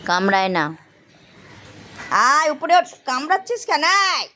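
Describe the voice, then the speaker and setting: A woman's voice: high voice, big pitch swings, measured pace, sharp tone, slight background noise. A woman in a casual chat coaxing and calling to her pet birds, with sing-song repeated calls.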